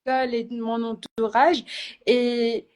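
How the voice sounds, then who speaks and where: A woman of Moroccan family raised in Italy, speaking French as a coaching participant, hesitant and halting, restarting her phrases. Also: a little high, little pitch movement, a little mellow, clear, resonant tone. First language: Italian or Arabic. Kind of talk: personal conversation.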